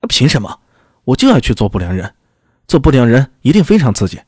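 A man's voice: medium pitch, big pitch swings, brisk, a little mellow, slightly rough, dry recording, clean studio sound. A man voicing a stubborn, hot-headed young son who talks back in a raised voice. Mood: defiant. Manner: defiant, raised voice, talking back.

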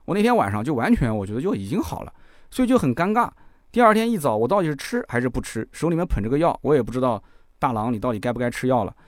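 A man's voice: mid-range voice, very fast, dry recording, clean studio sound. A man, a car vlogger, casually tells a personal story and acts out the doctors he spoke with. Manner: animated, acts out the doctors' lines.

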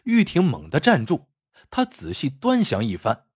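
A man narrating a suspenseful story with lively, dramatic telling. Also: fairly high pitch, moderate pace, slightly rough, dry recording, clean studio sound.

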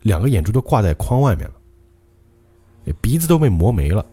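A male podcast host telling a ghost story in a dramatic, lively way. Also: lowish voice, moderate pace, slightly rough.

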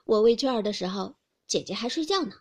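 女声演绎的伶俐能干的小丫鬟. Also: female voice, high-pitched, sing-song, darkish tone, pitched above the performer's own voice. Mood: pert. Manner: quick, eager, talks back pertly. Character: clever, eager young maid.

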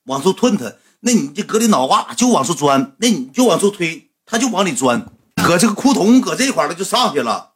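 A man with a Northeastern Chinese accent telling a comic story in a lively, colloquial way. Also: high voice, a little fast, breathy edge. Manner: lively, colloquial, animated retelling.

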